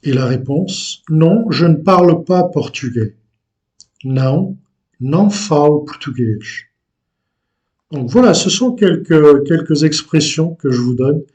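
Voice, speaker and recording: Slow, hesitant man teaching language. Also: a little high, lively intonation, darkish tone. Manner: slow and deliberate, with frequent hesitations. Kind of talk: unscripted language lesson.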